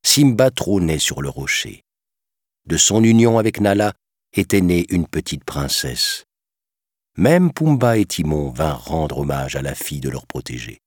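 Very deep slow male storyteller. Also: very animated, husky, dry recording, clean studio sound. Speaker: narrator. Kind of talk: scripted storybook narration.

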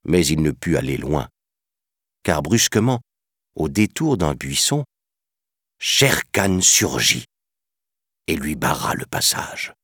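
A man narrating a children's storybook in a measured, expressive reading. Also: extremely low pitch, breathy edge, no room sound, studio quality.

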